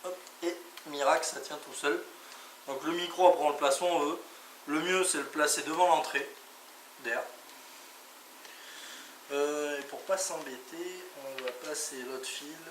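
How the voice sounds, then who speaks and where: A man with a high-side, fairly bright voice speaks a little slowly and pauses often. Presenting motorcycle gear as a vlogger, he gives a hands-on tutorial in a casual way, talking each step through with small interjections. Echo, a distant mic and obvious background noise mark the recording.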